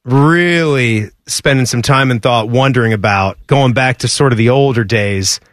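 A man's voice: mid-range voice, moderate pace, fairly bright tone, dry recording. A man hosting a casual sports radio show in a studio, rambling and correcting himself as he thinks aloud. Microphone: studio broadcast mic.

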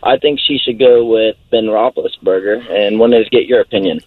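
A man's voice: on the low side, normal speed, no room sound. Male radio show caller, narrow phone-line sound, dry, a bit hesitant. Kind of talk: casual question to radio hosts.

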